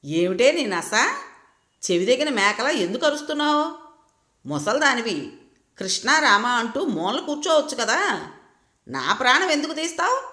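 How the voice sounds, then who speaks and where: A woman's voice: medium pitch, expressive, measured pace, fairly bright tone. A woman voicing an irritable, hot-tempered young husband who snaps back, in a roomy echo. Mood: irritated. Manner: snapping, irritated.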